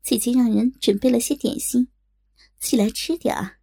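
A sly, scheming concubine in her thirties, voiced by a woman reader, her honeyed tone laced with mockery. The voice is gravelly and husky, close and dry. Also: on the high side, normal speed, mellow, no room sound. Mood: falsely sweet. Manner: mocking, honeyed, taunting.

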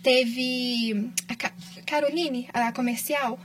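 A woman's voice: high-pitched, a little fast, far from the mic. A woman with a Brazilian Portuguese accent, a patient guest on a podcast, telling her story in an emotional, affectionate way. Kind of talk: casual podcast chat.

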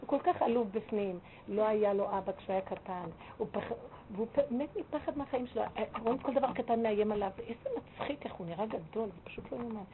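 A woman giving a religious lecture, telling a counseling story in an animated, emphatic way. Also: medium pitch. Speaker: religious teacher. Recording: tinny phone-like line with faint noise.

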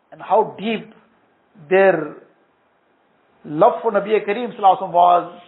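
A man giving an earnest storytelling sermon, with Arabic phrases woven into his talk. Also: sits high. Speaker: Islamic preacher. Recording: tinny phone-like sound.

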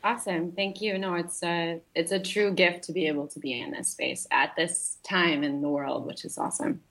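A woman's voice: fairly low pitch, steady tone, moderate pace, creaky, fairly bright tone. A young woman, a nutritionist guest, telling her personal story earnestly with many fillers and restarts. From grew up internationally, partly in Malaysia. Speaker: podcast guest, holistic nutritionist.

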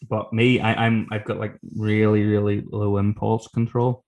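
Speaking at normal speed in a level, fairly low, somewhat mellow voice, this man is a guest author sharing stories from his book. His casual anecdotes wander, poke fun at himself, and include plenty of swearing.

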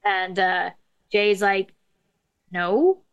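A woman's voice: mid-range voice, fairly even intonation, a little slow, creaky, dull audio. A woman co-hosting a podcast, casually recapping a TV episode with frequent fillers. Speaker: podcast co-host.

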